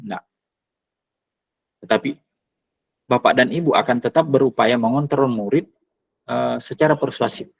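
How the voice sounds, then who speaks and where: A man presenting to teachers, speaking hesitantly with many pauses and fillers. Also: mid-range voice, vocal fry. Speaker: teacher trainer. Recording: dull lo-fi recording.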